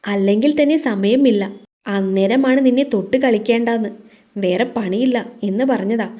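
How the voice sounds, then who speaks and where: A woman's voice: fairly high pitch, moderate pace, warm tone, highs cut off, close to an everyday voice. A woman voicing a playful, teasing young husband in a romantic audio story. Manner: teasing, mischievous.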